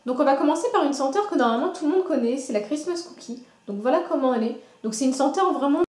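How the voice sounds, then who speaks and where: A woman's voice: high-pitched, expressive, fast talker, a little mellow, reverberant. A woman vlogger chatting casually through a product review, gushing and repeating herself with many fillers. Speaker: beauty vlogger.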